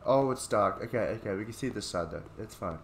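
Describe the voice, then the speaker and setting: A man's voice: lowish voice, animated, a little fast, slight background noise. Young man swearing through a scary game. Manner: profane, jumpy running reactions to a horror game. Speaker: gaming video creator. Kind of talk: let's play commentary.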